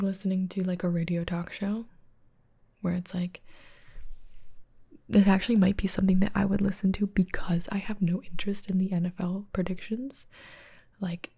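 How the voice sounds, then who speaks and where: Brief: female ASMR reactor, soft whisper with a gravelly fry, flat even delivery, casual rambling. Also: mid-range voice, moderate pace. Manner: soft whisper, chatty, many "like" fillers.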